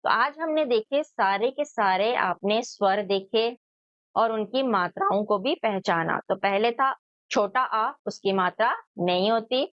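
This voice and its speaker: A woman teacher giving a children's lesson, sounding out each letter slowly and answering her own questions. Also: mid-range voice, no room sound, highs cut off.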